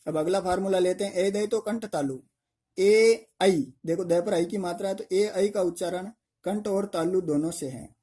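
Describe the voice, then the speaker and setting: A man's voice: sits high, normal speed, dark tone. A man teaching pronunciation for exams, explaining step by step and asking and answering his own questions. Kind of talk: exam-prep grammar lesson.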